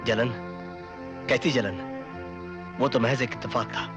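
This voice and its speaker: A man's voice: medium pitch, measured pace, over music, close to an everyday voice. An actor playing an earnest, devoted young man who speaks in a sincere, pleading way.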